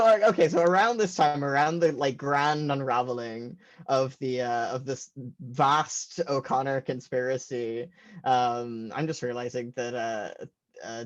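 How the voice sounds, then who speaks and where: A man's voice: medium pitch, highs cut off. A man doing stand-up, rambling through a story with lots of fillers and laughing at his own jokes. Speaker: stand-up comedian.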